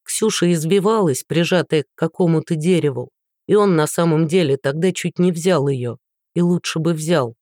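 A woman narrating a romance novel in an even, matter-of-fact storytelling voice. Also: low voice, moderate pace, no echo, clean studio sound. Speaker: audiobook narrator. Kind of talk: scripted narration.

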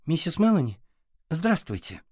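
A man's voice: a little high, big pitch swings, moderate pace, a little mellow, slightly rough, no echo, clean studio sound, voice pushed up. A man voicing a determined young girl inventor who presses with eager questions.

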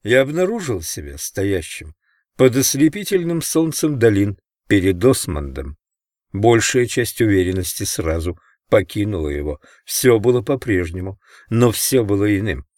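A man reading an audiobook as narrator in a measured, steady way. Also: fairly low pitch, no room sound, studio quality. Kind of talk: scripted narration.

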